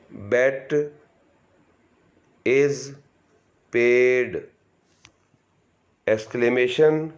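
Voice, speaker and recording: Male trainer, mid-pitched, slow classroom dictation, very drawn-out pace, deliberate word groups with spoken punctuation. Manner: reads punctuation marks aloud, measured and deliberate. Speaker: shorthand trainer giving dictation. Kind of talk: slow school dictation, word by word with long pauses.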